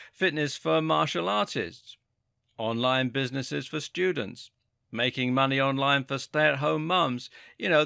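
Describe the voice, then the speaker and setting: A man narrating a scripted marketing lesson in a measured, explanatory way. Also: medium pitch, vocal fry, sharp tone, no echo, clean studio sound. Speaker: course instructor.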